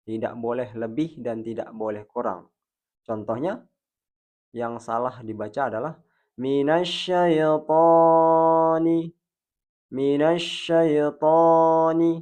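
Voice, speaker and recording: A man teaching Quran pronunciation, explaining each sound slowly and demonstrating it by drawing it out. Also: fairly low pitch, fairly even intonation, highs cut off. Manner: slow, deliberate explaining with drawn-out demonstration sounds. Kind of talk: tajwid pronunciation lesson.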